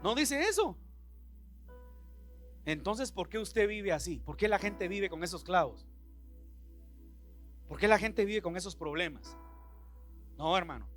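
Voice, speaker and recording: A man's voice: sits high, lively intonation, measured pace, pauses often, fairly bright tone, soft background music. A man preaching a passionate sermon in a church, with a Central American Spanish accent, acting out Bible scenes in different voices. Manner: impassioned, acts out Bible dialogue in voices. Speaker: pastor.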